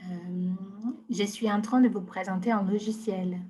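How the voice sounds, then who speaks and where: A woman presenting software in a live webinar, talking casually with many hesitations and fillers. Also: mid-range voice, fairly even intonation, measured pace.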